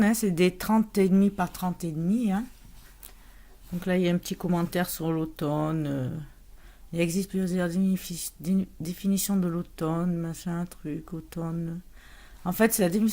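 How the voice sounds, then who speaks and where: A woman's voice: fairly low pitch, steady tone, a little slow, mellow. A woman chatting casually as she unboxes and shows scrapbooking paper, with lots of fillers and restarts. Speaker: scrapbooking vlogger.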